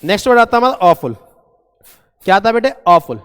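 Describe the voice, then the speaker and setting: A man's voice: high voice, sing-song, brisk, fairly bright tone, smooth, big-room sound. A man teaching an English vocabulary lesson, repeating key words and quizzing his students.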